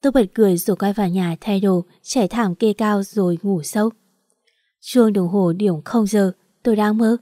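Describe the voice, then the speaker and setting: A woman narrating a first-person story for an audiobook at an even, steady pace. Her tone is mellow and soft-edged, and the close recording is dry with no room sound. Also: medium pitch, normal speed, dry recording.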